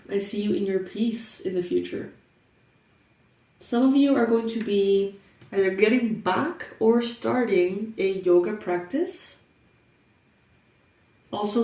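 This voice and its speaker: A young woman with a stuffy, congested nose chats casually and laughs often while giving a tarot reading. Her medium-pitched, warm voice moves at a measured pace and sounds reverberant, recorded from a distant mic.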